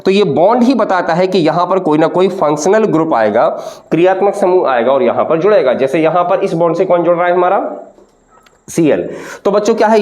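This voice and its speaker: A man's voice: high voice, darkish tone. A man teaching a chemistry lesson to students, patient, often asking questions back and repeating the answers. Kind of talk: classroom lecture.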